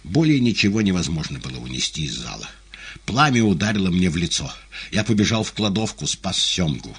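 A man voicing a boastful, excitable tomcat demon in an audiobook, talking theatrically and pleadingly. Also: low voice, a little fast, breathy edge, full character voice. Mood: excited, theatrical. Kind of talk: audiobook character reading.

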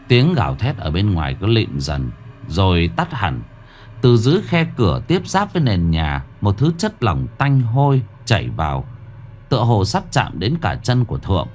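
Male horror narrator, low and expressive, suspenseful. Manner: dramatic, suspenseful storytelling. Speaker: storyteller.

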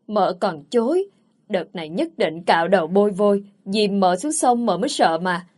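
Shrill servant girl, read by a woman, tattling, wailing, loud. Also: expressive, normal speed, natural voice. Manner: wailing, accusing.

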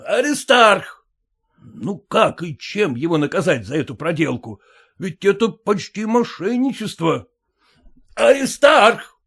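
A blustering middle-aged father bursting with indignation, as a male narrator puts him on. He shouts and rants, with his pitch swinging widely and the voice pitched fairly high. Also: expressive, moderate pace, gravelly, breathy edge, heavily acted. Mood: indignant outrage. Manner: exclamatory, shouting in outrage.

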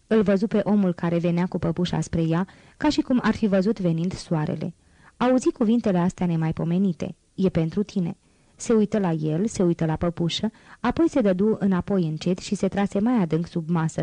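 A woman reads a novel aloud with steady, expressive care. Her voice is low and warm with a mellow tone. The recording is close and dry, without room sound. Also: no echo, poor audio. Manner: steady, expressive literary reading. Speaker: audiobook narrator. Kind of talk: scripted audiobook narration.

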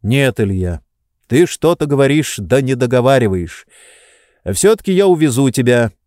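A man voicing an energetic, insistent friend who urges and reproaches in an urgent tone. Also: mid-range voice, normal speed, no room sound, studio quality, lightly acted.

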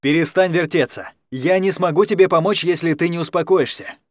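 Storybook role: a calm, clear-spoken male coordinator, read by the narrator, firm and reassuring. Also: on the high side, a little fast, dry recording, clean studio sound, natural voice.

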